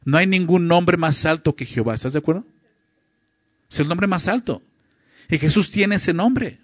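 Male pastor, sermon teaching, somewhat high voice, dry dull lo-fi sound, keeps asking the listener questions. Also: expressive, moderate pace, husky, no room sound. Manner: asks the listener frequent rhetorical questions.

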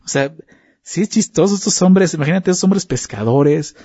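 A man's voice: on the high side, lively intonation, moderate pace, dark tone, slightly rough, no echo, muffled recording. A man preaching a conversational Bible study sermon, often asking rhetorical questions and repeating words as he restarts.

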